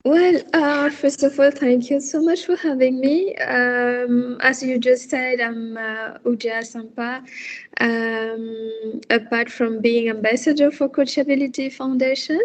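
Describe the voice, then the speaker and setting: A hospitality consultant from Senegal speaks as a guest in a video call interview, talking slowly and hesitantly with many fillers and restarts. Her fairly high voice has a flat delivery, and the audio's highs are cut off.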